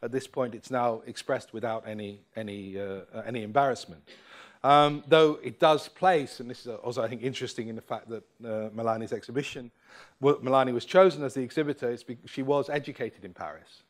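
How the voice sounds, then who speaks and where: An older man delivers an academic keynote from a lectern, thinking aloud as he goes. His speech is halting and full of fillers and restarts. He speaks into a lectern microphone in a lecture hall. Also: mid-range voice.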